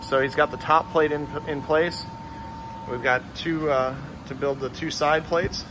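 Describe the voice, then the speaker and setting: Halting man touring a noisy shop. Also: fairly high pitch, steady tone. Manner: plain, halting, many fillers. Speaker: fabrication shop owner. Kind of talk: casual shop walkthrough narration. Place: large metal fabrication shop.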